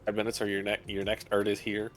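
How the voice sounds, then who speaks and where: Low voiced guy rambling on stream, casual, music playing behind him. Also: completely flat delivery, quick pace, a bit bright.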